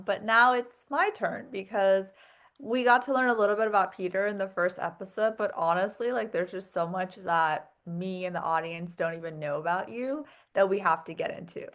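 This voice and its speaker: A woman's voice: mid-range voice, a bit bright. A young woman hosting a casual podcast interview. She is chatty and filler-heavy, with plenty of "like" and "um." She piles several questions into one turn. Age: young adult. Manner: chatty, lots of likes and ums, asks stacked questions. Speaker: podcast host.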